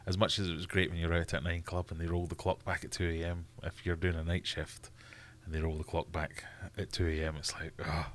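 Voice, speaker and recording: Deep-voiced Scottish man chatting on a stream. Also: completely flat delivery, brisk, hardly any pauses, fairly bright tone, a little hiss or hum. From Scotland. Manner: chatty, laughs often, reads chat aloud. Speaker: livestream host. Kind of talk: casual livestream chat reading comments.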